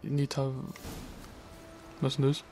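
Over game music, a young let's play gamer chats casually about his gameplay, swearing, mocking himself, and talking to the game. His voice is medium-pitched and mellow, with a monotone delivery at a measured pace.

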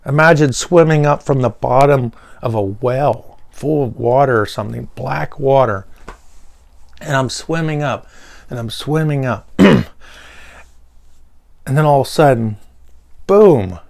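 Gravelly-voiced man telling a story. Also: mid-range voice, measured pace, pauses often. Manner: rambling, conversational, with filler words and restarts; animated when quoting people. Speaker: vlogger. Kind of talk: casual personal storytelling.

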